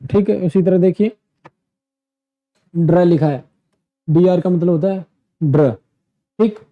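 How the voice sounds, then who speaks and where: A man's voice: sits high, mellow, muffled recording. A man teaching pronunciation in a lesson, drilling word lists aloud and asking and answering his own questions. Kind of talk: screen-share lesson.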